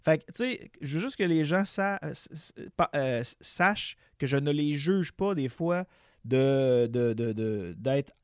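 Halting Québécois man, fairly high voice. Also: animated, clean tone, no echo, studio quality. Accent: Québécois French. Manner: halting, stumbles and repeats words. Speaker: father. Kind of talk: casual discussion.

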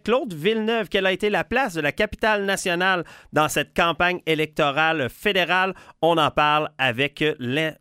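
Bright-voiced Quebec radio host. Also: male voice, on the high side, clear, resonant tone, dry recording, studio quality. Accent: Quebec French. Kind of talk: radio interview and live announcements. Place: radio studio.

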